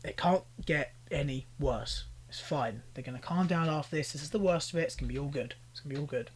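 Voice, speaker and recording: A man's voice: on the high side, quick pace. A young British man giving exasperated, ranting reaction commentary, pleading with the people on screen. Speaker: commentary YouTuber.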